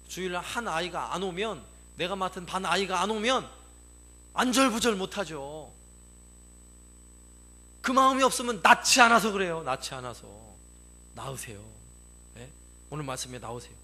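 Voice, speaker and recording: High, bright-voiced Korean pastor preaching. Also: male voice, breathy edge. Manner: emphatic, repeats key phrases and questions the congregation. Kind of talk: sermon.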